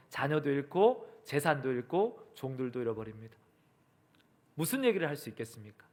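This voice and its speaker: Man, middle-aged pastor, sermon, emphatic questioning delivery, animated pitch. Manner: preaching with rising emphatic questions to the congregation.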